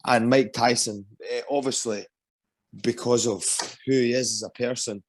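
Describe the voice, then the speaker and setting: A man's voice: medium pitch, fairly even intonation, normal speed, no room sound. A young Scottish man, an MMA fighter, answering interview questions casually and hesitantly, with many ums and restarts. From Scotland.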